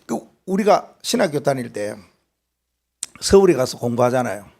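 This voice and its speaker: A male pastor with a Gyeongsang accent preaching a sermon, animated and asking the congregation frequent rhetorical questions. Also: medium pitch, normal speed, vocal fry.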